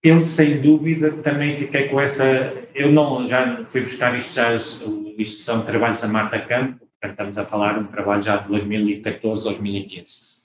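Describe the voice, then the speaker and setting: A man's voice: medium pitch, noisy background. A man from Portugal with a European Portuguese accent, giving an academic seminar talk and often restarting his phrases as he thinks aloud. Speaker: guest lecturer. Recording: echoey room, from far off.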